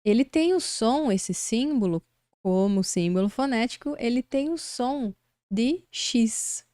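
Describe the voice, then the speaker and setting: Brazilian woman, English teacher, slow and patient delivery, smooth clear voice, dry close sound. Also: on the high side, expressive, mellow, no room sound. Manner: patient, explains slowly step by step. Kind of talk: online English lesson.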